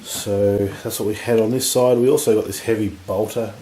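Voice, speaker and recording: A man with a husky voice from recent illness, giving relaxed, rambling commentary on a tabletop battle. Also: on the low side, normal speed. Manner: relaxed, rambling, lots of fillers. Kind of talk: casual game commentary. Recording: echoey room with faint noise.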